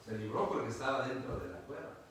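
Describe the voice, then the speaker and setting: A man preaching a sermon. He swings from loud pleading calls to soft, hushed lines. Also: medium pitch, expressive, quick pace. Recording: echoey room, mic at a distance, noisy.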